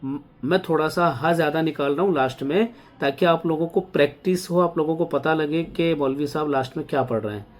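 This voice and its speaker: A man teaching an online Urdu reading lesson, patiently explaining and then reading single words slowly and drawn out for practice. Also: fairly high pitch.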